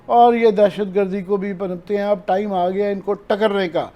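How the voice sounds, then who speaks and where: A man's voice: sits high, steady tone, highs cut off. A man with a Pakistani Urdu accent, explaining events earnestly as an analyst on a news talk show and mixing in English terms. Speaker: political analyst.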